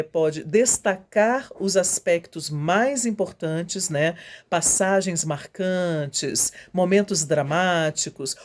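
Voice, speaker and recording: A middle-aged woman teaching about voice careers, speaking in a measured way with frequent tag questions. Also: fairly low pitch, a little mellow. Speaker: voice professional answering students. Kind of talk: informal spoken lesson.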